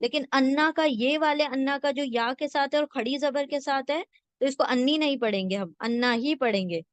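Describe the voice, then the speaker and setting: A woman teaching a word-by-word scripture translation lesson, slowly and patiently, repeating each word and checking that listeners follow. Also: sits high, no echo. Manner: slow patient teaching, repeats words and asks "theek hai?".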